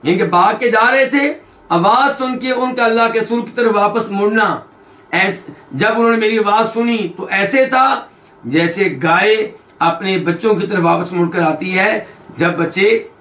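A man teaching a hadith lesson. He quizzes his listeners with quick questions, and he recites quoted lines slowly before explaining them. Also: high voice, a bit bright. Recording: echoey room.

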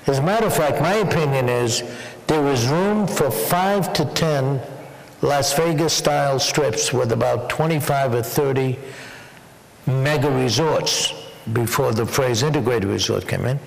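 Honored guest, male, mid-pitched, gravelly, joking storyteller, long hall echo. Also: measured pace. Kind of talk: onstage interview at a dinner. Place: large banquet hall. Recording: echoey banquet hall.

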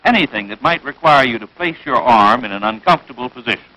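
The narrator of this 1940s military instructional film is an American man speaking fast in a crisp, declarative way. Forceful and a little husky, his pitch moves with animation, and the low-quality recording has the character of an old film soundtrack.

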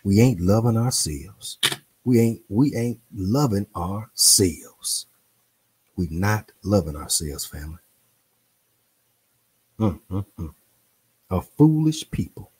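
A man's voice: on the low side, slow pace, long pauses, a little mellow, slight background noise. A man hosting a show, reading from a book and breaking off into preachy, playful slang commentary with exclamations and repetitions. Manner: speaks in informal slang. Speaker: host.

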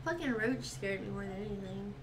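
A woman's voice: medium pitch, expressive, a little fast. A young woman reacting casually as a jumpy, scared horror game streamer, given to swearing, with noise behind her. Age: young adult. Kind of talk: casual gameplay reaction chat. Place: dark room at home, indoors.

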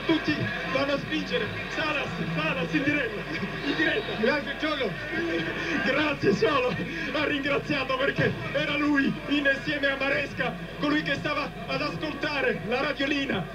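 A male pitch-side radio reporter giving excited, urgent live football coverage from a stadium touchline. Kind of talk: live sideline reporting and commentary. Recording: noisy outdoor radio link from stadium.

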